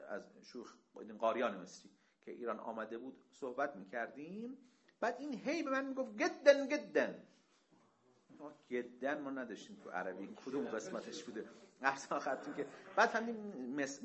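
A man teaching a lesson, reading Arabic passages slowly and then explaining them in a conversational way, often asking rhetorical questions. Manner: asks rhetorical questions, lively pitch swings.

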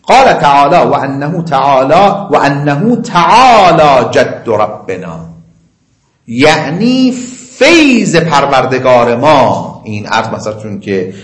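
A man lecturing on religious law, reciting Arabic passages slowly and explaining them in quick, conversational asides. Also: mid-range voice, big pitch swings, echoey room. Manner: slow chanting of quoted Arabic, quick asides. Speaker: seminary lecturer.

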